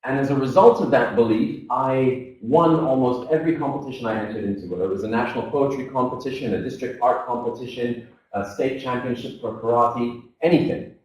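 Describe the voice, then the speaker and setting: A man in his thirties, with a medium-pitched and slightly quick voice, gives a motivational talk at a seminar. He tells his life story as a storyteller would, acting out the voices of the people in it. The recording sounds distant and echoey, as if made across a hall.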